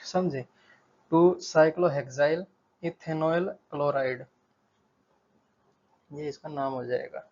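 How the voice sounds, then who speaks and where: A man's voice: on the high side, slow, long pauses. Man tutoring chemistry, lo-fi sound. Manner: steady, repeats terms, counts aloud. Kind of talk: whiteboard lesson explanation.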